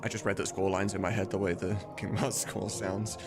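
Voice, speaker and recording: A man's fairly low, flat voice moves briskly as he streams casually while working, cursing and thinking aloud. He is a streamer and mod voice director, and music plays in the background.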